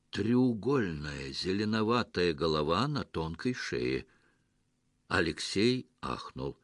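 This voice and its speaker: A man narrating an audiobook story in a measured, even reading. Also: low voice, dry recording, clean studio sound.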